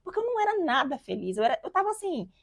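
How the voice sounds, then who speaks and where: A woman's voice: sits high, very animated, very fast, no echo. A woman from Minas Gerais, Brazil, telling her own life story as an interview guest, heartfelt and re-enacting what she once said. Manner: heartfelt, reenacts her own past words. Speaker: guest entrepreneur and mother. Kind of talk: emotional personal testimony.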